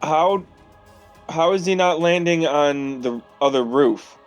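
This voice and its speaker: A man's voice: a little high, slow, soft background music. A man chatting as a player at a tabletop game, reasoning through a question aloud. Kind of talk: casual tabletop game chat.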